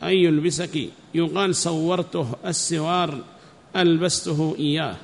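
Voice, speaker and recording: A man teaching a religious text, reading each phrase and then repeating it slowly with explanations. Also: fairly high pitch, steady tone. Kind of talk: classical text lesson with commentary. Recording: long reverb.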